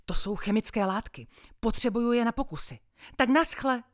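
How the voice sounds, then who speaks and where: A woman voicing an eager, cheeky boy who sells newspapers on a train, calling out loudly in a high, excited voice. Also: close to an everyday voice.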